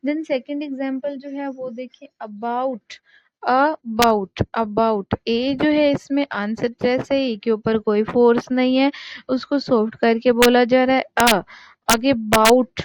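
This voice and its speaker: A woman's voice: high-pitched, fairly even intonation, noisy background. A woman teaching an English lesson, patient and repetitive, mixing Hindi and English. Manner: slow, patient, repeats points with "theek hai". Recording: dull lo-fi.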